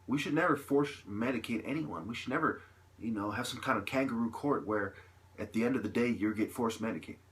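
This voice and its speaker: Passionate and unscripted, a vlogger shares his opinions in a halting way, restating points and leaning on rhetorical questions. His voice is medium in pitch with a fairly bright quality.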